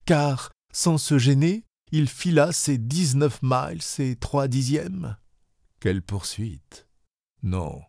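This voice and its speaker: A man narrating an audiobook in the first person, in a measured, steady way. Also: on the low side, creaky, no room sound, clean studio sound.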